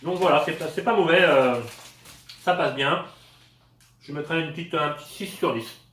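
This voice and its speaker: A man from France talks through a casual product review, pausing often on fillers as he tastes and rates things. His voice sits a little high for a man. The sound is roomy and echoey, with him set back from the mic. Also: a bit bright. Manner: hesitant, many fillers. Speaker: product tester. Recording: echoey room, voice a bit far from the mic.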